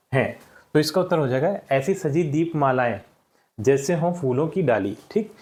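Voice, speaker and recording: A man's voice: medium pitch, a little mellow. A male teacher patiently walking children through worksheet answers, often repeating words and checking in with "ठीक".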